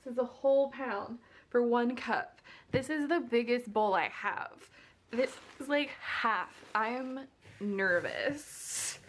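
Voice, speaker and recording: A woman's voice: fairly high pitch, unhurried. A young woman with the hiccups hosting a casual cooking vlog, chatty, giggly and self-deprecating as she works. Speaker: cooking vlogger.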